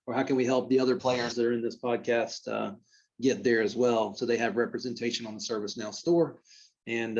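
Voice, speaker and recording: A man with a Southern drawl hosts a casual tech podcast, talking fast and easily. His tone is chatty and a little self-deprecating. The audio is a bit dull and lo-fi. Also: medium pitch, gravelly, a little mellow. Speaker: podcast host.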